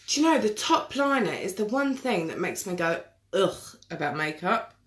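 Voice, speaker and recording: A woman's voice: medium pitch, very animated, moderate pace. Chatty woman doing makeup live. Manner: chatty and self-deprecating, laughs often. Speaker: makeup vlogger. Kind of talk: casual live makeup tutorial.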